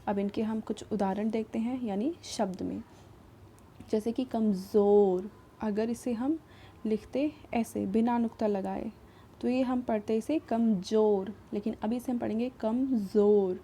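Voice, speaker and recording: A woman teaching a grammar lesson to children, patiently repeating and rephrasing each point and slowing down to sound out example words. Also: fairly high pitch, steady tone, warm tone, breathy edge.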